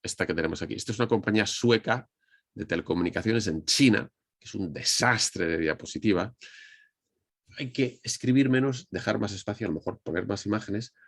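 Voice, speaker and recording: Low-voiced Madrid Spanish man teaching online. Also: no echo, clean studio sound. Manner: conversational, addresses audience directly, frequent restarts. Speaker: communication trainer. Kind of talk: online presentation lesson. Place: indoors at a desk under a ring light. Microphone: webcam on video call.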